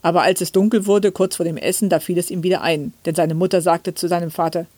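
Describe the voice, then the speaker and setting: A woman reading a children's Christmas story aloud, with calm, gentle storytelling. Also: lowish voice, quick pace, dry recording. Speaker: reader. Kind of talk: scripted storybook narration.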